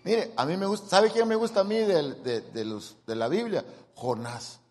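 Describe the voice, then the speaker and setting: A man's voice: high-pitched, moderate pace. A middle-aged man preaching a humorous sermon, joking and acting out the people he quotes. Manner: jokey, animated, acts out quoted people. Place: church hall. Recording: long church-hall reverb.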